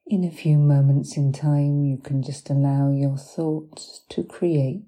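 Female hypnotherapist for guided relaxation: deeply mellow, soft and breathy, half-whispered, very unhurried and soothing. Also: steady tone. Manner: soothing, deliberate, long pauses between short phrases.

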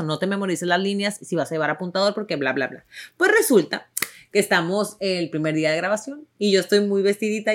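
A young woman telling a lively anecdote, acting out her own lines in a higher voice and laughing now and then. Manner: animated, quotes herself in raised voices, laughs. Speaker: actress telling a story. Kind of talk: casual storytelling to an audience.

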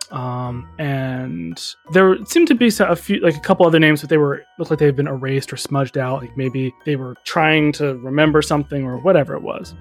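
A game master narrating a tabletop role-playing game at a middle pitch. The delivery is relaxed and conversational, with small asides and laughs. Faint music sits under the voice.

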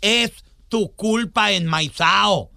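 A man's voice: sits high, extremely slow, gravelly, pushed and bright, no echo, studio quality, exaggerated voice. A man playing a bossy older advice-giver, scolding listeners. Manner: scolding, mocking, mimics others in quotes. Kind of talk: comic scolding monologue.

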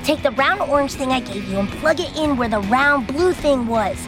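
A breezy young girl inventor, speaks in a high voice with casual confidence. The unflappable, matter-of-fact children's adventure delivery has music behind it. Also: lively intonation, normal speed. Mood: calm, matter-of-fact. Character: breezy, unflappable young female gadget inventor giving instructions. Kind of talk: children's audio adventure acting.

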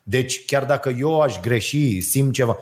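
Hesitant male host in chat. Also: medium pitch. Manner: hesitant, many fillers and affirmations. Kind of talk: casual chat.

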